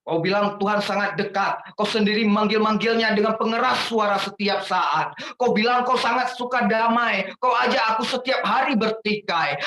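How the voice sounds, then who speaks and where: A man reciting a protest poem dramatically, rising to shouts on the refrains. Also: very high-pitched. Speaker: guest poetry reader. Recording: echoey room with faint noise.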